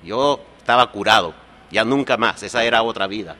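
A man's voice: fairly low pitch, brisk, bright, forceful tone. A man born in the United States giving an earnest, confessional personal testimony at a support meeting, often adding "¿verdad?". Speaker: recovery meeting speaker.

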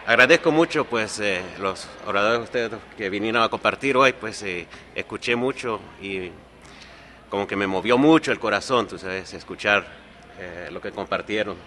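A man's voice: lowish voice, moderate pace, pushed and bright, a little hiss or hum. A man born in the United States giving an earnest, confessional personal testimony at a support meeting, often adding "¿verdad?". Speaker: recovery meeting speaker.

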